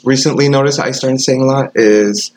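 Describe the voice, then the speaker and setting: A man's voice: medium pitch, fairly even intonation, normal speed, darkish tone. Young guy chatting loose with friends, tons of likes and ums, keeps laughing, middle voice. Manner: rambling, filler-heavy, laughs often. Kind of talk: casual chat.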